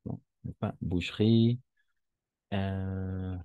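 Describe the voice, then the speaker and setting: A man's voice: low-pitched, steady tone, very slow, clean tone, no room sound, phone-quality sound. A man teaching French in an online class, patiently explaining and modeling pronunciation.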